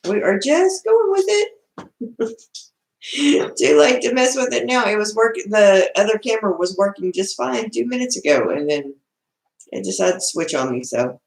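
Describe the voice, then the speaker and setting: Hosting a livestream from a room in her home, a Southern US woman greets viewers in a folksy, informal chat. Her mid-range voice is animated, with vocal fry, at a moderate pace. The laptop audio sounds echoey.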